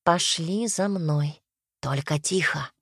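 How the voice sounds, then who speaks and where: A woman voicing a sly, knowing male imp from a fairy tale, speaking low and unhurried. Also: animated, husky, no room sound, studio quality, heavily acted. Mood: hushed.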